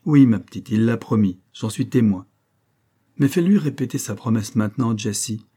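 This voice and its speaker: A man's voice: mid-range voice, normal speed, dark tone, slightly rough, close to an everyday voice. A man voicing a bluff, jovial middle-aged father with a teasing manner.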